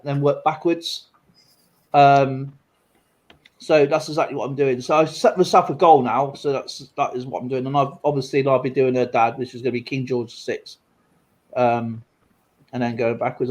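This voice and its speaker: A man's voice: medium pitch, a little mellow, low-quality recording. A man chatting casually on a stream, rambling with lots of fillers and restarts. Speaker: streamer and coin collector. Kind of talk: casual live-stream chat.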